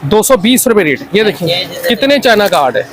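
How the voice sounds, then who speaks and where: Casting: Pakistani male trader, high voice, insistent repetitive hard-sell patter, faint background noise. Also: big pitch swings, moderate pace. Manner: repeats his lines insistently. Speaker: wholesale toy seller presenting stock. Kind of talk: unscripted hard-sell product pitch.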